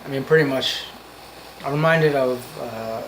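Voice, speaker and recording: A man giving an off-the-cuff motivational monologue, earnest and emphatic, in halting phrases that repeat for emphasis. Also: medium pitch, slight background noise, low-quality recording. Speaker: amateur motivational speaker.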